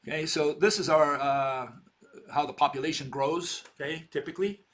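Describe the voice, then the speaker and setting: A man's voice: on the high side, normal speed, a bit bright. A man in his sixties giving a rambling informal lecture, posing rhetorical questions and checking in with "okay?". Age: 60s.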